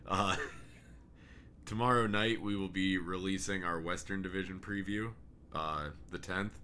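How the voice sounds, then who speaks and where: A man's voice: sits low, fairly even intonation, a little slow, bright, forceful tone, slight background noise. A man co-hosting a casual podcast, tired and joking, laughing often. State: tired, yawning. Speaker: podcast co-host. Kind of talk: casual chat.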